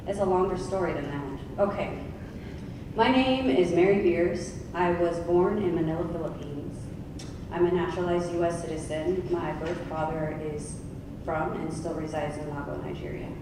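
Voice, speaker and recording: A woman's voice: on the low side, normal speed. A woman in her thirties from Oregon, introducing herself as a panelist at a conference in a candid, conversational way with asides. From Oregon, United States. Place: large conference hall. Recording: echoey hall, from far off, with noise.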